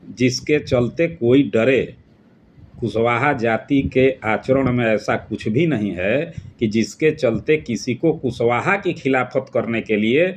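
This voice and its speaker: A man's voice: mid-range voice, slight background noise. A man from Bihar, giving an earnest, emphatic solo political commentary.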